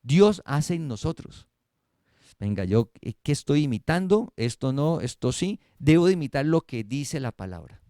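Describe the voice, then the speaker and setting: Man preaching, animated rising and falling pitch, dry close sound, rhetorical questions. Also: moderate pace, dry recording. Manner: preaching with rhetorical questions, swings between loud and soft. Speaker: pastor. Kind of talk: sermon. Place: church service streamed online.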